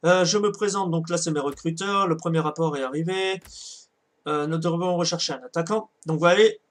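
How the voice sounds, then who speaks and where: A man's voice: fairly high pitch, a little fast, fairly bright tone. A man casually commenting on a football video game, hesitant, with many fillers and self-corrections. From France. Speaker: gaming channel host. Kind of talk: casual let's-play commentary.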